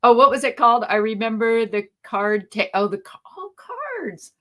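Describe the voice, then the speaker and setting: A woman's voice: a little high, sing-song, moderate pace. A woman co-hosting a casual livestream chat, talkative and laughing often, trailing off mid-sentence. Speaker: co-host.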